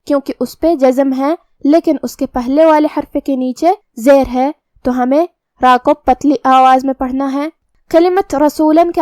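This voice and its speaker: A woman's voice: high voice, a little mellow, no room sound, studio quality. A woman teaching Quran recitation rules, explaining each rule step by step. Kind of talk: tajweed lesson with slow recitation.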